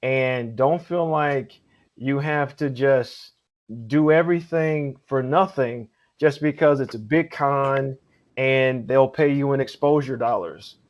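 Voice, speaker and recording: A man's voice: medium pitch, slow. A man who hosts and judges cosplay contests, chatting casually in an interview and repeating his points for emphasis. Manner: relaxed and chatty, acts out quoted exchanges; earnest advice-giving, repeats for emphasis.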